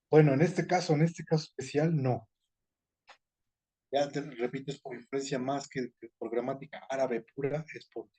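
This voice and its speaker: A man teaching a seminar class, explaining step by step at an even pitch and often stopping to repeat or correct his words. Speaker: seminar lecturer on etymology.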